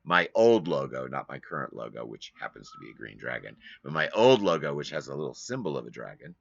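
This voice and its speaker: A man's voice: a bass voice, very animated, brisk, vocal fry, no echo, lo-fi sound. A man hosting his own live stream from a home studio, talking casually and rambling as he grumbles at length.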